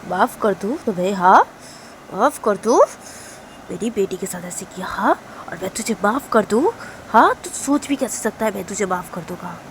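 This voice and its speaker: A woman's voice: medium pitch, slight background noise, lightly acted, rough recording. A woman voicing an angry protective father who threatens and demands answers. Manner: threatening, demanding, repeats "हाँ?".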